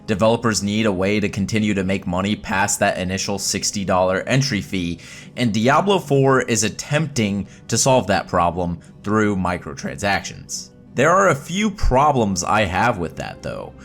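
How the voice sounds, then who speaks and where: A young man giving an opinionated gaming commentary, talking with sarcastic asides and mock excitement. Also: fairly low pitch. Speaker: gaming YouTuber.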